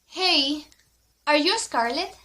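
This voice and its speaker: A curt, falsely friendly young woman warns a rival off in a high, bright voice, as a woman mimics her. The delivery is slow and deliberate. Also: lively intonation, slight background noise, full character voice.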